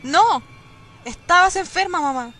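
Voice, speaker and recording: A woman's voice: extremely high pitch, lively intonation, a little slow, a bit bright, soft background music, pitched above the performer's own voice, heavily acted. A woman reading aloud the lines of a troubled young man searching a ruined hospital, in a plain reading voice. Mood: pleading. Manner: reads dialogue boxes aloud, plainly.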